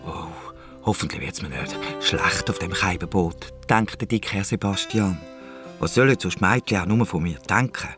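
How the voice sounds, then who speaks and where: A man's voice: lowish voice, moderate pace, over music, pitched below the performer's own voice, lightly acted. A man with a Swiss German accent voicing a fat, fearful, grumbling uncle in a children's radio play. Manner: grumbling, reluctant.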